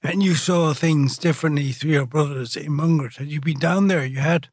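A man's voice: a little high, normal speed, no echo, studio quality. A man with an Irish accent speaking as a podcast host, introducing and interviewing.

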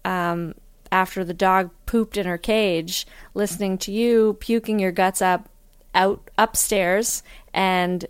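A woman with a clean, smooth voice at a middling pitch co-hosts a casual podcast. She talks reflectively and candidly, in a very dry close recording. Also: steady tone, slow, no room sound. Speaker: podcast co-host. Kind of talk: casual personal conversation.

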